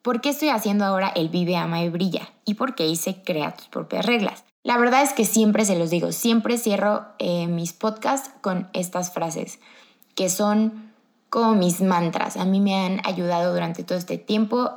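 An upbeat woman with a Mexican Spanish accent hosts a motivational podcast, chatting away and speaking straight to her listener. Her mid-range voice moves a little slowly.

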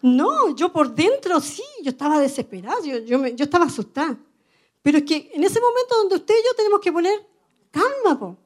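A woman's voice: sits high, very animated, brisk. A woman with a Chilean accent preaching a sermon to other women. She is earnest and conversational, tells personal stories and keeps adding "amen". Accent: Chilean Spanish.

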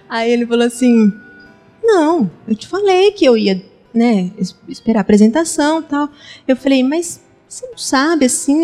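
A woman's voice: a little high, mellow. A woman preaching a humorous sermon, telling a story and acting out the dialogue with shifting voices.

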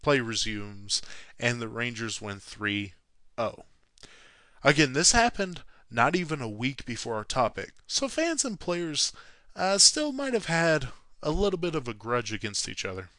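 A man's voice: mid-range voice, very animated, unhurried, bright, forceful tone, no room sound. A man narrating a sports history story from a script, sarcastic and self-mocking, with frequent swearing. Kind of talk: read-from-script narration with jokey asides.

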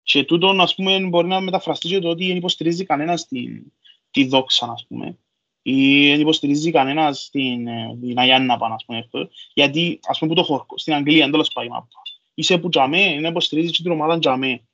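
A man's voice: fairly high pitch, steady tone, fairly bright tone, highs cut off. A man from Cyprus with a Cypriot Greek accent, chatting casually and colloquially on a podcast. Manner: colloquial, repeats filler phrases.

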